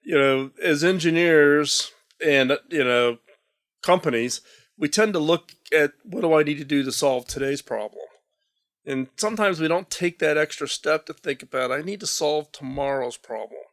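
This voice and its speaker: A man's voice: on the high side, fairly bright tone. A man hosting an interview at a trade show, talking animatedly and often repeating words as he starts a thought. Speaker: podcast host. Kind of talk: conversational interview.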